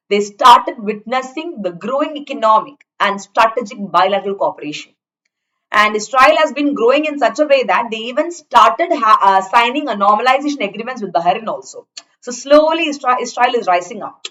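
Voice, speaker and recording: A woman's voice: fairly high pitch, lively intonation, normal speed, sharp tone, poor audio. A woman with an Indian accent teaching in a conversational lecture style, chatty and explanatory, often checking that students follow. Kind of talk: conversational online exam lecture.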